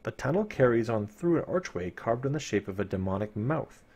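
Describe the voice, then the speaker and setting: Reading a fantasy gamebook aloud on a live stream, a man turns dramatic for the narration and stays playful and casual in his asides. His voice is medium-pitched, animated, a little fast and slightly mellow.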